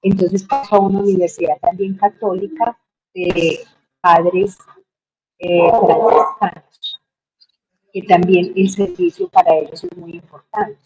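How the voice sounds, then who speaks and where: Telling her life story in an interview, a middle-aged Colombian-accented woman speaks reflectively and without hurry, hesitating often. Her medium-pitched voice is animated with a dark tone, over a rough recording.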